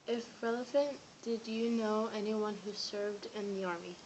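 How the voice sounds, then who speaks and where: A woman's voice: mid-range voice, steady tone, moderate pace, darkish tone, slight background noise, rough recording. Woman interviewer asking plain questions.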